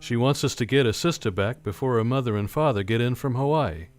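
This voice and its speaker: A man acts out a cynical male private detective from a golden-age radio noir. He tells his story in slangy, matter-of-fact fashion at a middling pitch, with music behind him. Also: brisk, natural voice. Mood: cool, wry. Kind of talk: 1940s-style noir radio drama narration.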